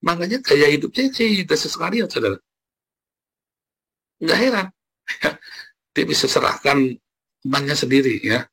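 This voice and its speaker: Husky, bright-toned male pastor preaching. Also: fairly high pitch, a little slow, long pauses. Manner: animated, conversational preaching with frequent asides to the listeners. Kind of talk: sermon.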